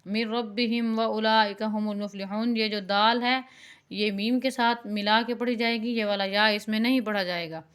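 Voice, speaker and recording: A woman teaching beginners Quran recitation, drawing out the verses slowly and then explaining the rules quickly and patiently. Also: mid-range voice, fairly even intonation, a bit bright, clean tone. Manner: alternates slow drawn-out recitation with quick explanation; patient, instructive.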